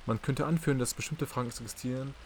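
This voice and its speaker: A man voicing a polite, calculating male psychiatrist in an audiobook, soft and measured. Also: medium pitch, steady tone, a little hiss or hum, pitched above the performer's own voice, natural voice. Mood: soothing. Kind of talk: audiobook character reading.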